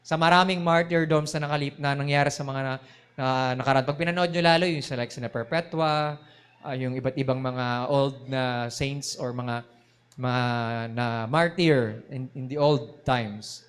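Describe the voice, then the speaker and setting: A middle-aged man preaching a sermon, animated, swinging between loud and soft, laughing now and then. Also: medium pitch, moderate pace, clean tone. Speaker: pastor.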